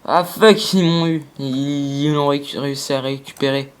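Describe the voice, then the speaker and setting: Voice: mid-range voice, fairly even intonation, moderate pace, slight background noise. A gamer raging and exclaiming in frustration with casual slang and swearing while commentating on gameplay. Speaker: gaming video creator.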